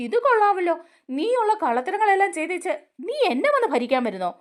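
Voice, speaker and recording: A defiant, scheming young woman from a TV serial snaps back indignantly in a high, swooping voice, as a woman reads her lines. She sounds sharp and offended throughout. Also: big pitch swings, quick pace.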